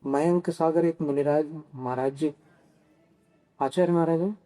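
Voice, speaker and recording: Monk preaching, male, unhurried and mellow, questions then answers, careful over pronunciation. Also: a little high, fairly even intonation. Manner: slow, teaching, poses questions to listeners and answers them. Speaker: Jain monk giving a scripture discourse. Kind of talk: sermon. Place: Kolhapur.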